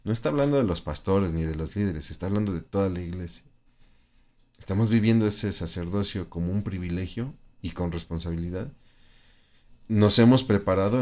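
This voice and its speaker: A man's voice: low-pitched, darkish tone. A man teaching a Bible study lesson in a conversational way, with frequent tag questions and restarts. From Mexico.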